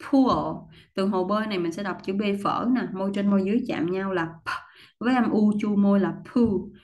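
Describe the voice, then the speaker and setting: A woman teaching English pronunciation, explaining patiently step by step and repeating model words, often clearing her throat. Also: mid-range voice, fairly even intonation, quick pace, darkish tone. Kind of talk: pronunciation lesson.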